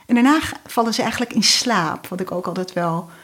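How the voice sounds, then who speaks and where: A woman guest telling a fairy tale in a relaxed, hesitant way with many fillers. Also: medium pitch, a little fast. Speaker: guest storyteller.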